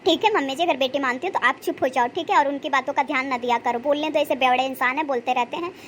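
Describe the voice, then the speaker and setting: A woman voicing a young, devoted daughter-in-law in a cartoon story, protective of her mother-in-law and sharp-tongued about her husband. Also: high-pitched, fast, slight background noise. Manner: protective, scolds and soothes.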